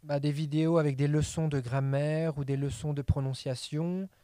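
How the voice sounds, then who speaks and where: Mellow-voiced hesitant man, casual chat. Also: fairly high pitch, steady tone, moderate pace, no room sound. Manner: hesitant, many repeated words. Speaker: linguist. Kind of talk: casual conversation with many fillers.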